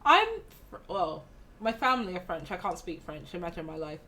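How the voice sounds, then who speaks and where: A woman's voice: on the low side, expressive, a little fast, bright, forceful tone. A woman hosting a casual stream, chatty, teasing and affectionate, laughing often. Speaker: streamer host.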